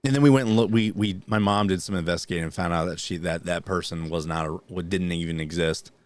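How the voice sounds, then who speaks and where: A man's voice: low voice, fairly even intonation, quick pace, dry recording. A man co-hosting a podcast who tells a long story in casual chat and then reads news items. He talks in a rambling, profane way, with many restarts and fillers. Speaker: podcast co-host.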